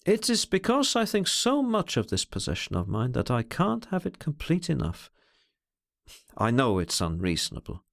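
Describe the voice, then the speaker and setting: A man reading aloud, voicing a brooding, bitter man who talks over his feelings in an introspective, measured way. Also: medium pitch, huge pitch swings, gravelly. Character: brooding, scornful, self-searching man.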